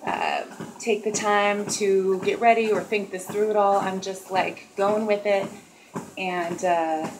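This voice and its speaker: A woman in her thirties chats casually to the camera as she walks on a treadmill. Her pitch is middling and her talk wanders in a loose, unscripted way. The treadmill runs clearly behind her in the room. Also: takes it slowly. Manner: chatty, talking while walking on a treadmill. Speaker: vlogger. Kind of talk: casual rambling chat to camera. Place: small dim room at home, indoors. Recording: steady treadmill noise and clicks. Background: loud treadmill motor and footfalls.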